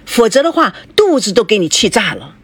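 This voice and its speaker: A woman voicing a doting middle-aged father who coaxes loudly and grumbles with bluster. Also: medium pitch, very animated, a little fast, slightly rough, pitched above the performer's own voice. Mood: exasperated. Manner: coaxing, loud and exclaiming.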